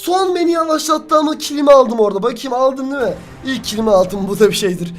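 A young man giving live commentary on a team battle game, excitable, cursing and shouting at his teammates. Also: very high voice, fast, faint music behind. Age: young adult. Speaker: gaming youtuber.

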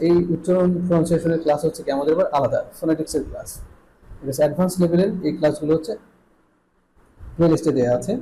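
A man teaching English letter sounds, repeating each sound slowly and patiently. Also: on the high side, mellow, slight background noise, poor audio.

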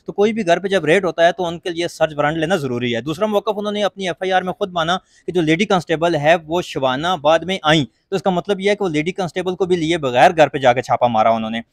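A lawyer, a man, argues his case to a reporter in rapid, emphatic bursts. His voice sits a little high and sounds dry and close, with no room around it. He presses each point with quick insistence. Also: no echo. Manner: fast, emphatic, argumentative. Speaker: lawyer, party legal forum member. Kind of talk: courthouse interview answers.

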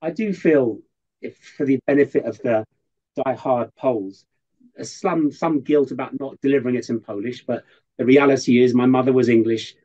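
A man, a professor, talking earnestly in an interview and telling stories with lively quoted asides. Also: mid-range voice, normal speed, dull audio. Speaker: professor giving a guest interview. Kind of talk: conversational interview storytelling.

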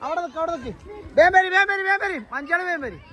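A man with a Malappuram Malayalam accent, vlogging outdoors at a family gathering and loudly ordering and teasing his relatives. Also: very high voice, expressive, quick pace. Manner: loud, bossy and teasing, calling out orders. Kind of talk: casual vlog, herding relatives. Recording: busy crowd noise behind.

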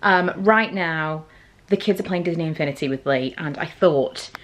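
A woman's voice: low-pitched, moderate pace. Chatty British woman vlogging. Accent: British English. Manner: chatty, rambling, self-deprecating. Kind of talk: casual daily vlog.

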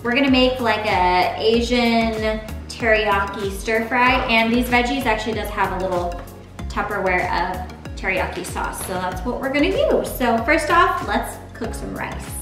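This fitness vlogger, a woman in her thirties, has a slightly high, expressive voice and speaks a little slowly. She chats casually and cheerfully while cooking in her home kitchen, filmed by a camera set on the counter. The kitchen sounds echoey, and music plays in the background.

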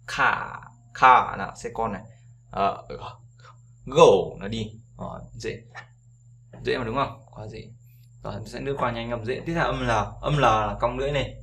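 A man's voice: medium pitch, normal speed, creaky, bright, forceful tone, a little hiss or hum. A man teaching English pronunciation in a casual tutorial, repeating each sound over and over with frequent fillers.

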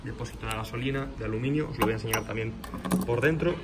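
This workshop owner talks quickly in a mid-range voice as he circles a bike he's selling, filming the walkaround on a handheld phone indoors. Engine noise fills the room, so his explanations get louder once it's running.

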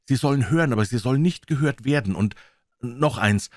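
A man's voice: medium pitch, lively intonation, fairly quick, no echo, clean studio sound, pitched above the performer's own voice, lightly acted. A man voicing an old, loyal male servant who speaks in an urgent, pleading way in a storybook reading.

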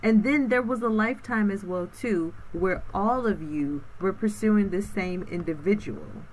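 A woman's voice: medium pitch, a little slow, darkish tone, slight background noise, low-quality recording. A woman doing a spoken tarot reading, rambling and stretching out words, often tagging on "okay" and "um". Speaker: tarot reader.

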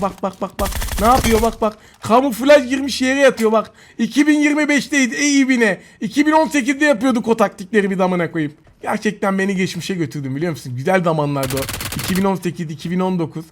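A young man commentating his own mobile shooter gameplay, excitable and mocking, cursing at opponents. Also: high voice, a little hiss or hum. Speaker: gaming YouTuber.

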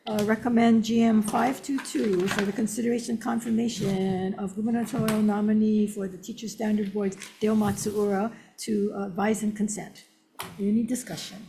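Older woman chairing a hearing, mellow voice. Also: medium pitch, level tone, slight background noise. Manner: measured, formal questioning. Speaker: committee chair. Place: hearing room. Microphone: desk microphone.

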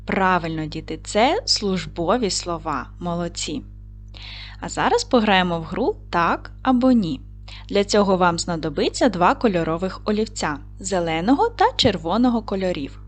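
A woman primary school teacher with a Ukrainian accent, giving a recorded video lesson to children in a clear, patient, instructive way. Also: lowish voice, animated, normal speed.

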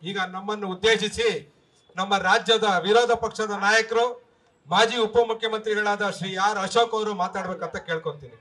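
A man with a high, bright voice makes formal announcements from a rally stage. He speaks in a courteous, ceremonial tone, and his voice carries over a public address system from a distance. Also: fairly even intonation, a little fast. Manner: formal, polite. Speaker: rally emcee.

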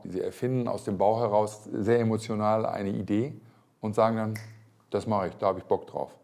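A man's voice: lowish voice, warm tone. A man in his fifties, a chef hosting a restaurant show, talking frankly and reacting aloud as he tastes food in a restaurant cellar. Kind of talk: reality TV commentary. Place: vaulted restaurant cellar, indoors.

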